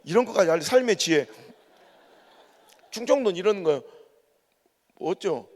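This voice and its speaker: In a large church sanctuary full of long reverb, a pastor from Korea, raised in Chungcheong, delivers a revival sermon at normal speed. His voice sits high and is expressive with a darkish tone, and he spins funny stories, imitating dialect in the quotes.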